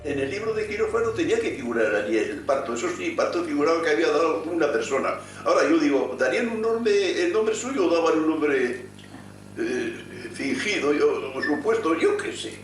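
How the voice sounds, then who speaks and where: A man's voice: on the high side, big pitch swings, normal speed, soft background music. An older man, a retired doctor, talking in a rambling, hesitant way, often correcting himself. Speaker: retired gynecologist. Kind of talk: secretly recorded conversation. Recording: roomy, distant hidden recording.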